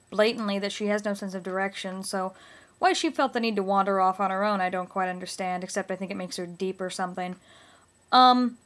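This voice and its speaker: A woman's voice: medium pitch, fairly bright tone. Sardonic young woman giving casual commentary. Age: young adult. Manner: sardonic, pointed. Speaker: book critic reading aloud and commenting. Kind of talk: casual critical commentary with read-aloud passages. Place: small indoor living room, on a couch.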